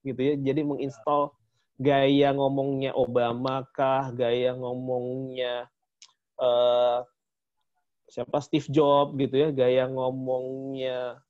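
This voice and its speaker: A man's voice: medium pitch, monotone, slow pace. A man co-hosting a casual promotional chat about a training, chatty and laughing often. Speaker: co-host of a training talk. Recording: dull lo-fi sound.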